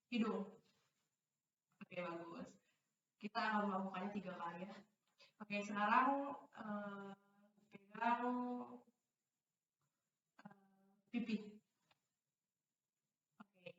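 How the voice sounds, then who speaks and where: A young woman with a medium-pitched, somewhat bright voice conducts group counseling much like a classroom lesson, peppering her talk with hesitant fillers and checks that all are following. The sound is echoey, faintly noisy, and picked up by a dull microphone placed far away.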